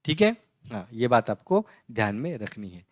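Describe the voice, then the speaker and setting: A man with a mid-range, very animated voice teaches a basic Marathi lesson online, explaining letters on a board, in a dry, clean studio recording. Patient and repetitive, he keeps asking "है ना?" ("isn't it?") and answering his own questions, spelling out each letter slowly and distinctly.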